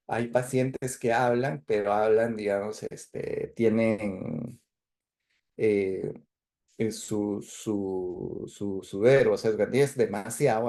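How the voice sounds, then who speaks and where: Man, medical lecturer, mellow tone, explanatory classroom talk, tag questions. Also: medium pitch. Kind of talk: university lecture.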